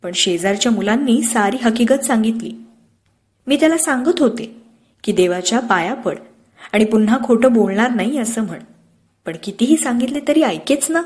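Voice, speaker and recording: A woman voicing a stern but loving village mother, speaking firmly and gently. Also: fairly high pitch, lively intonation, normal speed, close to an everyday voice. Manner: firm, scolding yet gentle.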